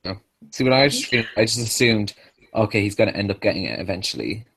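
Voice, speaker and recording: A man joining a live book discussion over a video call, talking in a laid-back, low-key way. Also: animated, fast, gravelly, a bit bright, slightly rough. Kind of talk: casual chat.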